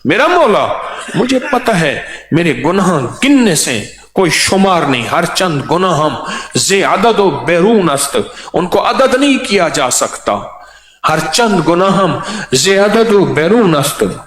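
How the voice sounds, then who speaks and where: A man delivering a devotional sermon, chanting verses with a lively, swooping pitch. He speaks slowly and draws out his lines, and the sound rings with a roomy echo. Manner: chants verses and couplets in a melodic, repetitive way; emotional, drawn-out delivery with soaring pitch. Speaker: preacher.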